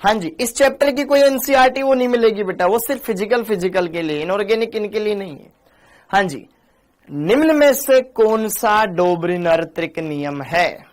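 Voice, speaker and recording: A man teaching chemistry in a live online class, speaking, greeting students by name and putting questions to the class. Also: high-pitched. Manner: greets students by name, calls them beta; energetic, asks the class questions.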